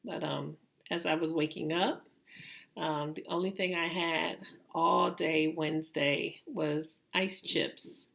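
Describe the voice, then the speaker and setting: A middle-aged woman with a gravelly voice, telling a personal story casually and haltingly, like a vlogger. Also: deep voice, fairly even intonation, a bit bright. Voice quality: gravelly, creaky voice. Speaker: vlogger recounting own surgery.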